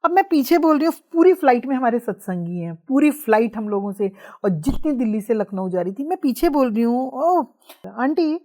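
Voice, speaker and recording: Intense woman, high excited storytelling. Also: brisk, few pauses. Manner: mixes English phrases into Hindi. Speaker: guest sharing spiritual experiences. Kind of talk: emotional personal storytelling.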